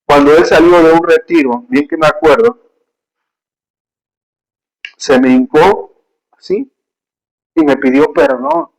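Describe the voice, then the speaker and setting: A man's voice: a little high, big pitch swings, slow, vocal fry, pauses often, rough recording. A man preaching a sermon with emotion and emphasis, telling personal stories, reading scripture aloud and calling his listeners brothers.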